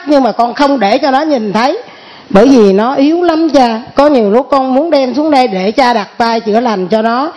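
A woman's voice: sits high, darkish tone. A middle-aged woman giving an earnest spoken testimony in church, often repeating and restarting her words.

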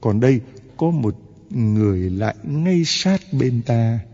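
Husky-voiced man preaching in echoey hall. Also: mid-range voice, lively intonation, measured pace, mellow, dull audio. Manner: impassioned, rising to emphatic peaks. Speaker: priest. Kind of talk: sermon.

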